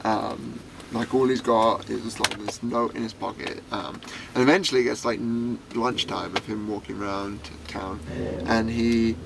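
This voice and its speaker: A man's voice: lowish voice, level tone, moderate pace, creaky, hardly any pauses, noisy background. A young British man telling a story casually, chatty and full of fillers.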